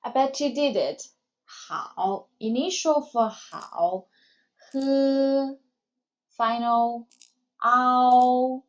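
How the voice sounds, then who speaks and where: Slow, encouraging woman language teacher. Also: on the high side, a little mellow. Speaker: Chinese teacher. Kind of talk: scripted language lesson. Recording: dull lo-fi recording.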